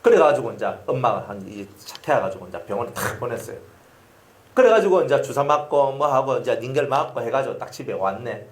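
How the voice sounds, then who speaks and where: A male pastor with a Gyeongsang accent preaching a sermon, telling stories with sound effects and questions to the congregation. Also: mid-range voice. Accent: Gyeongsang Korean. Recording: roomy echoing hall.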